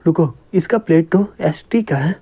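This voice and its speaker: Man doing a rude arrogant young passenger, scoffing, voice a bit high. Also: moderate pace, mellow, husky.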